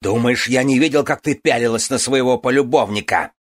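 A man's voice: mid-range voice, a little fast, voice pushed up, close to an everyday voice. A man reading an audiobook, voicing a jealous, brutal warrior husband who roars accusations. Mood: accusing. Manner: roaring, accusing.

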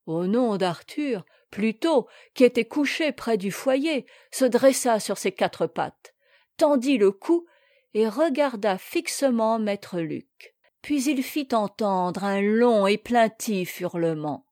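An audiobook narrator, a woman with a fairly high voice, reads a classic tale aloud in a measured, expressive storybook style. The recording is studio quality with no room sound.

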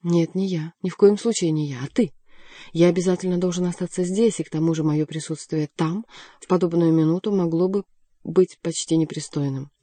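A woman's voice: fairly low pitch, fairly even intonation, fairly quick, warm tone, no echo, lightly acted. Woman reading as a lovesick, urgent young nobleman.

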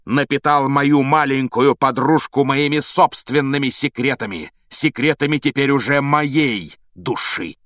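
A man voicing a sinister teenage wizard who speaks in a smooth, unhurried, coolly mocking way. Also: mid-range voice, fairly bright tone, no room sound, voice pushed up, close to an everyday voice. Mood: coldly mocking. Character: sinister teenage boy wizard, calm and cruel. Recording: dry close audiobook sound.

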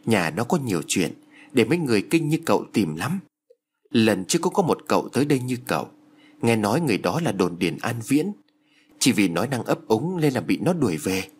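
Guy doing a village woman talking low and confiding, bit husky, storybook. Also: big pitch swings, a little fast. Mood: hushed. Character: guiding village woman, hushed and secretive.

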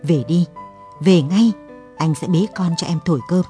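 A woman reading the part of a dazed young father in a radio story, his lines slow and wondering before turning tender. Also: on the low side, warm tone, soft background music, natural voice. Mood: doting. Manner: dazed then exultant.

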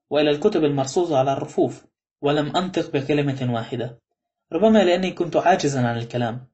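Brisk male audiobook narrator. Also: on the high side. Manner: brisk, steady reading. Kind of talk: scripted first-person narration.

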